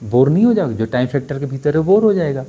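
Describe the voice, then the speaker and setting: A spiritual teacher giving a satsang discourse, talking conversationally and bluntly, often pausing to ask his listeners for agreement. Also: a little high, big pitch swings, mellow. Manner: conversational, keeps asking "है ना?" for assent; blunt and dismissive, mocking.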